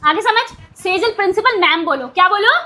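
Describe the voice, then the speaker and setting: A woman's voice: extremely high pitch, lively intonation, a little fast, sharp tone, slight background noise. A woman performing a comedy skit, talking in a sassy, bossy, teasing way. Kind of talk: Hindi comedy skit acting. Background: background music.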